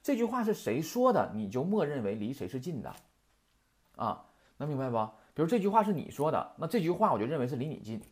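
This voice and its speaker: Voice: mid-range voice, very animated, fast talker, a little mellow. A language teacher explains example sentences and keeps checking with "right?". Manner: constantly asks "right?" to check understanding; quotes example sentences, then explains them. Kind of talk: classroom lesson explanation.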